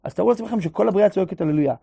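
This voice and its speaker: Raspy high-voiced man teaching a class. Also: no room sound, studio quality. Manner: animated, builds to loud exclaimed refrains; addresses a live class with questions. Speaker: religious teacher. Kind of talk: classroom Torah lesson with guided imagery.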